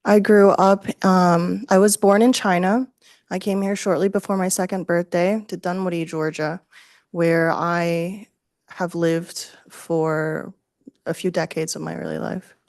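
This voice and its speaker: A woman in her thirties testifying as a witness in court, answering questions calmly and plainly. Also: fairly low pitch, measured pace, no room sound, studio quality.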